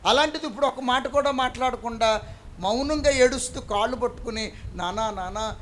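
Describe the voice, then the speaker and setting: High-voiced pastor with a lilt. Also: male voice, brisk, a little hiss or hum. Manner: animated storytelling, acting out the people in his stories. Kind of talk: sermon. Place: church during an all-night prayer service.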